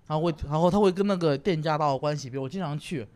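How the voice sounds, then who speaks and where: Young man, quick and high, lively storyteller for a comedy panel chat. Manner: animated storyteller, acts out quoted lines. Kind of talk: casual chat.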